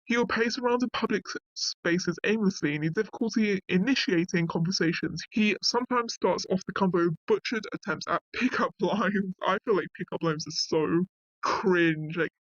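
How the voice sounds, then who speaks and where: High-voiced man reading with offhand asides. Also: fairly bright tone, dry recording, lo-fi sound. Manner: reads passages, then breaks off into offhand asides with frequent "like". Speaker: channel host reading a wiki aloud. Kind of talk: casual reading with commentary.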